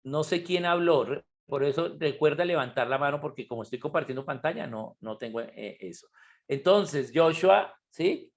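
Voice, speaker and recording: A man's voice: on the high side, expressive, normal speed, creaky. A man teaching an online chemistry class, explaining step by step and often asking if students follow. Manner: explanatory, asks frequent checking questions. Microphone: computer mic on a video call.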